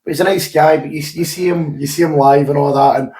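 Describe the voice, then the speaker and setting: A Scottish man hosts a casual podcast chat, talkative and quick to swear. His voice sits a little high for a man. It rings back off the walls of an echoey room. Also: steady tone, darkish tone. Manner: chatty, swears freely. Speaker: podcast host and gym owner.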